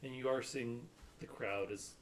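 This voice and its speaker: A man running a tabletop game as game master, narrating in a relaxed way with frequent pauses. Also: mid-range voice. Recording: distant mic with faint noise.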